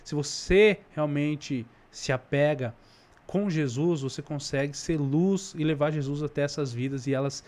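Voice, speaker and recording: A man's voice: a little high, a little slow, darkish tone. Earnest man preaching to his viewers. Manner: earnest, addresses viewers directly. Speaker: host and preacher. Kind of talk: casual preaching commentary.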